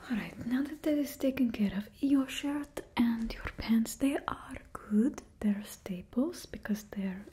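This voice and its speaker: A young ASMR creator whispers close to the mic in a roleplay, voicing a bossy female stylist to supervillains with a put-on Russian accent and blunt, condescending remarks. Her voice is on the high side, mellow and slightly rough, a little slow with hardly any pauses. She's in an indoor studio with a painted backdrop.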